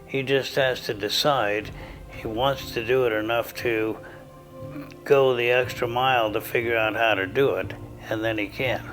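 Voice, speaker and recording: A man who is a surgeon, recalling his work in an interview in a calm, measured, reflective way. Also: mid-range voice, soft background music, low-quality recording. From United States. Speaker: orthopedic surgeon. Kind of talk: interview recollection.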